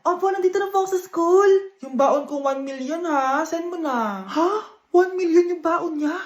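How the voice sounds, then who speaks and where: A woman performing short comedy skits alone, switching between shrill, dramatic and soft voices. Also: normal speed, dull audio. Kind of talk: comedy skits, playing many roles.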